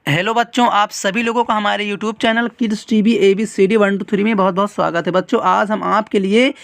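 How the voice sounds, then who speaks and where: A teacher hosting a children's writing lesson, patient and repetitive, calling the viewer "beta" and dragging out letter sounds slowly. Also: medium pitch, fairly even intonation, vocal fry, dry recording, clean studio sound. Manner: drags out letter sounds slowly when demonstrating. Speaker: teacher and channel host.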